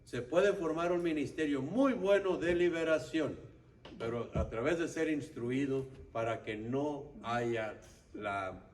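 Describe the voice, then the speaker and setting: Speaking a little slowly in a fairly high voice, this man is a lay instructor teaching a church intercession prayer group. He instructs and often makes sure everyone is following, recorded on a distant mic with faint noise behind him.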